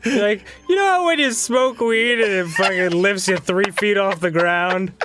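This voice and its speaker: A man's voice: high-pitched, normal speed, over music. A young man co-hosting a casual gaming chat with dry, teasing banter. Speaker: co-host. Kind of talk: casual chat over a video game.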